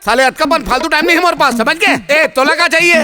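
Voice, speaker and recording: An actor playing a cheeky, loud-mouthed street tea seller who hawks in a sing-song, with a Chhattisgarhi accent. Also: male voice, extremely high pitch, fast talker, full character voice. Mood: bantering. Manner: sing-song hawking, teasing.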